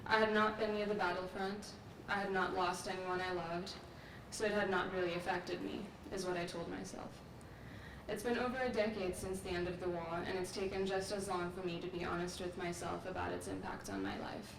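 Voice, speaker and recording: A young Sri Lankan woman, a graduate student speaker, addresses an outdoor commencement in a large courtyard through a podium microphone. Her voice is on the low side and steady, her delivery measured, earnest and reflective. The recording is echoey, distant and noisy.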